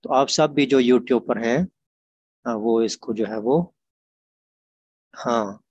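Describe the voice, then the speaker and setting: A man teaching an online grammar class, explaining patiently and repeating examples slowly. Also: medium pitch, darkish tone, no room sound, lo-fi sound.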